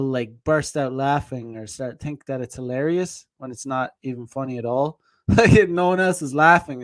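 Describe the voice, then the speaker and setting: On a casual livestream, a dating advice streamer rambles loosely, circling back on himself, leaning heavily on fillers and laughing often. His voice is mid-range with a darkish tone, and the sound is dry and close with no room echo.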